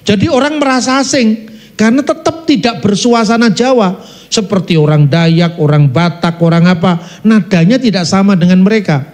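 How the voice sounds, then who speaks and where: A man's voice: high-pitched, moderate pace. A middle-aged man, preaching a sermon, telling stories animatedly and addressing the congregation directly. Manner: animated storytelling, addresses congregation, sings snatches of song.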